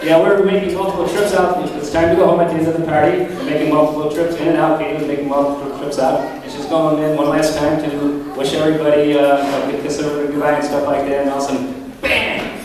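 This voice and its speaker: Middle-aged man, slightly high voice, rambling informally through a father of the bride speech in a very echoey hall. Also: flat delivery, fast talker. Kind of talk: father of the bride speech, humorous anecdotes at a wedding reception. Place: large wedding reception room. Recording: very echoey hall, distant mic, crowd noise. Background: reception crowd.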